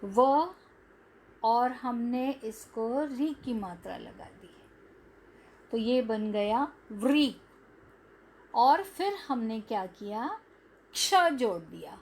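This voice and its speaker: A woman's voice: fairly high pitch, animated, slow, pauses often, darkish tone. A woman teacher giving a language lesson to young children, stretching out each syllable.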